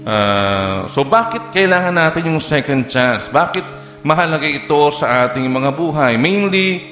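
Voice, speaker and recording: A man's voice: on the high side, expressive, moderate pace, a bit bright. Filipino-accented male pastor, conversational sermon full of fillers and questions to the flock, roomy church echo, faint music underneath. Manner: conversational Taglish preaching, hesitant fillers, asks the congregation. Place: church hall. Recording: echoey church hall.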